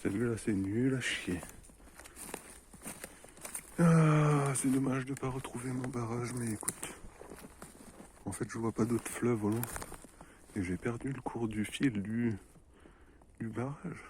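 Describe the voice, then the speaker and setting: A man's voice: medium pitch, fairly even intonation, unhurried, pauses often, darkish tone. A man vlogging outdoors in a snowy forest, joking with viewers in a mock-formal explorer manner. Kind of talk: playful mock-explorer commentary. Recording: noisy outdoor recording.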